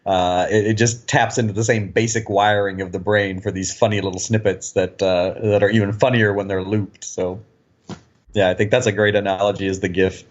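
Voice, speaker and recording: A man co-hosting a podcast, talking in a halting, laid-back way with many pauses and laughs. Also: on the low side, level tone. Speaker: podcast co-host. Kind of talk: casual chat about bad movies. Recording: dull lo-fi sound.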